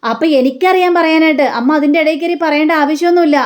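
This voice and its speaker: A woman's voice: high-pitched, fast, lightly acted. A woman voicing a stressed grown son who pleads with his mother for peace. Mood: exasperated. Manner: exasperated, pleading.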